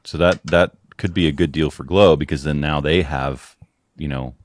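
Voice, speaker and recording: A man co-hosting a podcast in casual chat, chatty and quick to laugh, often restarting words. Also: a bass voice, fairly even intonation, no echo, studio quality. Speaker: podcast co-host.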